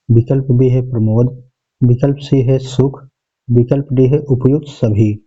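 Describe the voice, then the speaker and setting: A man teaching a lesson at a middle pitch, working through an exam paper step by step. He reads out each option in turn and keeps checking in with his students. The recording sounds dull and lo-fi. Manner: methodical, reads out each option, repeats "okay" often.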